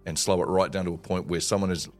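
A man's voice: low voice, fairly even intonation, fast, darkish tone. A man with a New Zealand accent presenting conversational news chat as a morning radio co-host.

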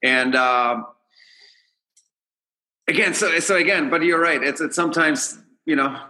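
A bright, forceful-toned man from Austria whose first language is German. He is a former hockey player talking casually as a podcast guest, thinking aloud and circling back on his words. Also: a little high, unhurried. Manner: loose, repeats and restarts words while thinking aloud. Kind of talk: casual chat.

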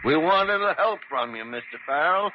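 An actor playing a blunt, stern senior hospital doctor with an American accent and an authoritative, admonishing manner in a classic radio drama. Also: male voice, a little high, expressive, brisk, close to an everyday voice. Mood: stern, scolding. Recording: muffled, noisy old radio recording.

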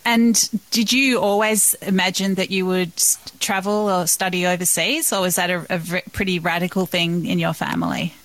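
A woman's voice: lowish voice, fairly even intonation, normal speed, few pauses, a bit bright, poor audio. A woman interviewing a restaurant worker, asking friendly, encouraging questions. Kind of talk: casual interview.

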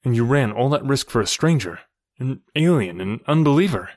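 A man's voice: medium pitch, lively intonation, normal speed, a little mellow, no room sound, natural voice. Bold jungle ape-man hero, firm and earnest, read by a male narrator in a dry storybook voice.

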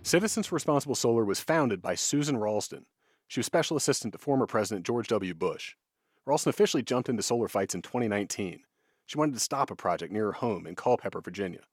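Fast-talking American male radio reporter, slightly husky. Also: on the low side, expressive, dry recording, clean studio sound. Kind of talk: scripted news narration.

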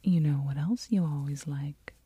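A woman playing a doting, teasing girlfriend in an ASMR role-play, speaking slowly and tenderly, right in the listener's ear. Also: sits low, slightly rough. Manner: close-up soft-spoken right in the listener's ear; slow, tender, coaxing. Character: doting, teasing, nurturing girlfriend soothing her partner. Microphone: very close binaural microphone.

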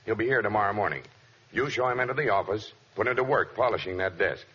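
Bright-voiced, brisk radio boss, dull recording. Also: male voice, fairly low pitch, husky. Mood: businesslike. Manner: businesslike, commanding. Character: brisk, impatient company boss. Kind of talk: 1940s radio sitcom acting.

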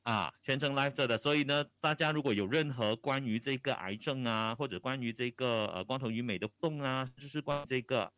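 A man with a Malaysian Chinese accent hosts live radio at a quick clip. His pitch is average and his delivery is casual, with hesitant phrasing and switches between languages. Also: a bit bright, no room sound. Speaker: radio host. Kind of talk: live radio hosting chat.

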